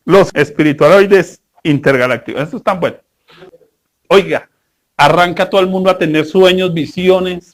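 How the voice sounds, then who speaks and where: A male pastor, preaching a sermon with animated storytelling and acted-out quotes. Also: high-pitched.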